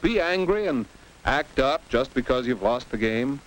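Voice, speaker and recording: On the noisy soundtrack of an old 1950s educational film for teens, an American man gives scripted, didactic narration, asking questions and exclaiming in a commentator's style. His voice is medium in pitch, lively in intonation and a little slow.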